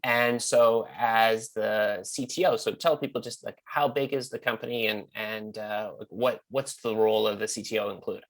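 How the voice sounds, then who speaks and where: A man hosts an interview in a loose, casual way. He sprinkles his questions with fillers. His voice sits fairly low. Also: steady tone, moderate pace, hardly any pauses, dry recording. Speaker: interview host. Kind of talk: conversational interview.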